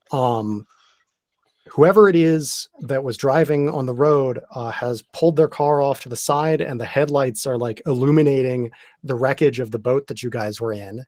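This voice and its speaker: A man acting as game master, explaining the rules step by step in a halting way. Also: medium pitch, darkish tone, dry recording. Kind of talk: narrating a tabletop game.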